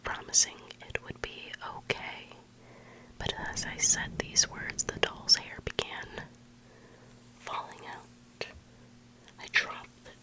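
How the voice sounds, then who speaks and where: Intimate close-up ASMR whisper. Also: low-quality recording. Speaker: ASMR host reading online stories. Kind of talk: whispered ASMR bedtime reading of spooky stories. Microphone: very close microphone.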